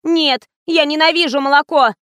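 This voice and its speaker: Woman playing a whiny young actress, high and plaintive, dry mic. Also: steady tone, moderate pace, fairly bright tone, no room sound. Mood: whiny disgust. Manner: whining, plaintive.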